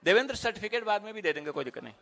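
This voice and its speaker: Man, high voice, bright tone, steady roll-call of names, ceremony announcer. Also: very fast, gravelly. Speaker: event announcer. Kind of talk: reading out names at an award ceremony.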